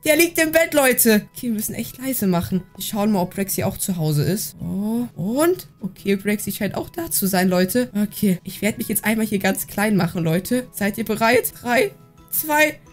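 A woman gaming YouTuber commenting excitedly on a Minecraft prank, constantly talking to her viewers. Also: medium pitch, moderate pace, soft background music. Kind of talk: Minecraft let's play commentary.

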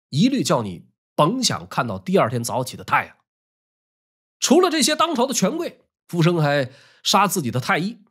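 Man, husky voice, lively swooping pitch, wry colloquial history storytelling.

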